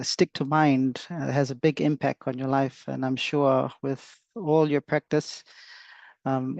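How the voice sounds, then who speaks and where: A man's voice: medium pitch, gravelly, darkish tone, no room sound. A man from Samoa, a clinical advisor giving an online lecture, hesitant and full of fillers and restarts. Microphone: video call. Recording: dull lo-fi video call audio.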